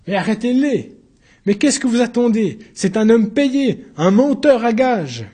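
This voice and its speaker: A man voicing a desperate accused man on trial who shouts and pleads in his own defense. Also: high-pitched, animated, unhurried, slightly rough, pitched above the performer's own voice, exaggerated voice. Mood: frantic.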